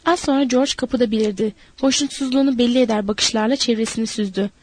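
A woman narrating a novel in a measured, expressive reading. Her voice is fairly high and the sound is dry and close. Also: dry recording.

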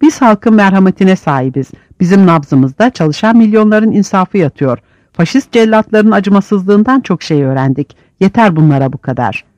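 A man's voice: high voice, expressive, normal speed, a little mellow, dry recording, muffled recording. A man voicing a fiery male prisoner leader, haranguing and scolding in an audiobook. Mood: scolding harangue.

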